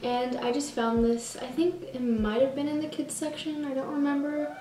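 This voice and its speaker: A woman's voice: high voice, fairly even intonation, moderate pace, mellow, distant mic, a little hiss or hum. Chatty teenage girl in a roomy room. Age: teens. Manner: bubbly, chatty, self-mocking asides. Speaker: vlogger. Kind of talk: casual try-on haul chat. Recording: roomy sound from off the mic.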